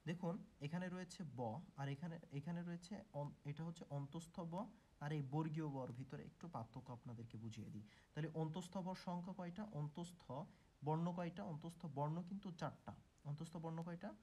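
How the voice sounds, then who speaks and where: A man's voice: a little high, a little fast, mellow. A man teaching a grammar lesson who asks questions and answers them himself, with frequent "ah" fillers.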